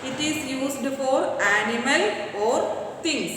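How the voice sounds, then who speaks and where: A woman teaching an English grammar class with a Malayali accent, reading English slowly and explaining quickly in Malayalam. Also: high voice, a bit bright, slight background noise. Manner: slow deliberate English, rapid Malayalam explanations. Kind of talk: recorded online class lesson. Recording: echoey room, distant mic.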